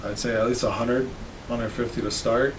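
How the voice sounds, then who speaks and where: This man, around thirty, co-hosts a casual podcast chat in a laid-back way, laughing easily. His mid-range voice stays fairly even at a moderate pace, with some background noise.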